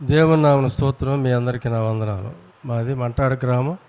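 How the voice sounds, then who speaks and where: A man's voice: medium pitch, fairly even intonation, a little fast, a little mellow, smooth, rough recording. A man giving an earnest, emotional spoken testimony of his faith. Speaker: testimony speaker.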